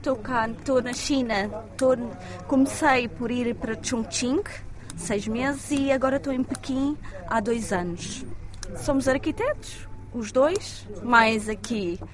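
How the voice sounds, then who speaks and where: A woman with a Lisbon Portuguese accent, talking in a casual interview with quick restarts. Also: on the high side. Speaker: interviewee, architect.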